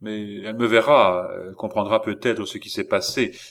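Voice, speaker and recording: A man playing a calm, imperious count who hypnotizes people, speaking in measured commands. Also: fairly low pitch, natural voice.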